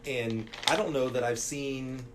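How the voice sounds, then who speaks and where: A middle-aged man hosting a podcast, chatting in a relaxed way with lots of fillers. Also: mid-range voice, unhurried. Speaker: podcast host. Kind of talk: casual interview talk. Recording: faint background noise.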